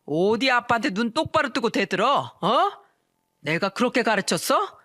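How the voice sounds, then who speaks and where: A woman's voice: fairly high pitch, sing-song, moderate pace, voice pushed up. A woman voicing a brazen, hot-tempered middle-aged father who talks with scorn, in a told family story. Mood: angry. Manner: shouting, scornful.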